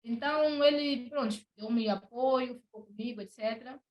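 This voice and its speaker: A young woman with a Mozambican Portuguese accent, a podcast guest, tells a personal testimony in casual talk, hesitating and repeating words. Her voice is a little high and moves at a normal pace. The audio is dull, recorded in an echoey room.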